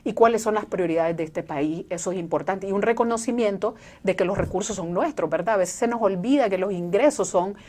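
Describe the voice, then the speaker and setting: A woman, speaking earnestly and in a measured way as a civil society guest on a TV interview, tucking in little asides. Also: medium pitch, darkish tone. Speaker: civil society organization representative.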